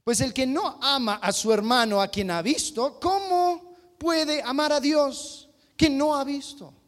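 Man preaching, high voice, animated, loud then hushed, long hall reverb. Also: measured pace. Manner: animated, acts out quoted people, swings from loud to hushed. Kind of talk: sermon.

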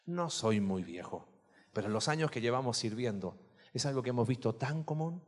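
A man's voice: medium pitch, animated, normal speed, long reverb tail. A man preaching a sermon in a church, chatty and full of questions to the congregation. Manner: conversational, asks the congregation questions. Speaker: pastor.

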